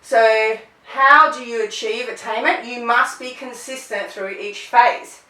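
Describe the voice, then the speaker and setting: Casting note: middle-aged woman, dog trainer, bright tone, chatty teaching style with sharp barked commands, echoey room. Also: a little high, steady tone, measured pace. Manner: conversational, checks in with frequent "right?"; acts out commands in sharp bursts. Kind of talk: instructional talk to clients. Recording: roomy echo, voice from a distance.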